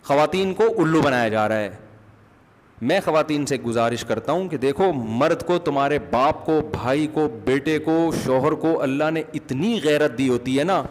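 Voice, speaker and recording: A man's voice: on the high side, moderate pace. A male religious scholar giving a conversational lecture, asking his listeners questions as he talks. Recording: long hall reverb.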